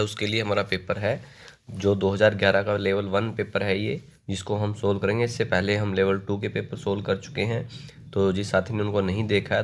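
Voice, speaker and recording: A man teaching an online exam-prep lesson, reading out questions and reciting word forms in slow rhythmic lists. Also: fairly low pitch. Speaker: Sanskrit exam tutor.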